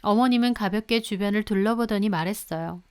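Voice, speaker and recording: A woman's voice: medium pitch, brisk, darkish tone, smooth. A woman narrating a scripted first-person story in a confiding, conversational way.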